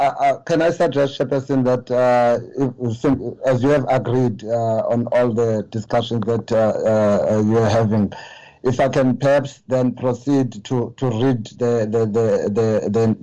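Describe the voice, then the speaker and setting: A man presenting a committee report in a meeting, very halting with many repeated fillers. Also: mid-range voice, mellow, dull audio. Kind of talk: formal meeting proceedings.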